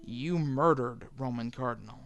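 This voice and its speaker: A man voicing a sinister, seductive male apparition who smokes and taunts in a slow, purring, mocking way, over faint music. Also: mid-range voice, creaky, close to an everyday voice. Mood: menacing. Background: faint background music.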